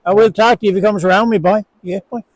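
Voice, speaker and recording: A Newfoundland man in his sixties chats outside in short, plain-spoken bits. His voice sits a little high and the sound is dry and close. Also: steady tone, fast, no room sound, rough recording. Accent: Newfoundland English. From Newfoundland, Canada. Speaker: co-host. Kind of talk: casual chat. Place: outdoors, with snow falling.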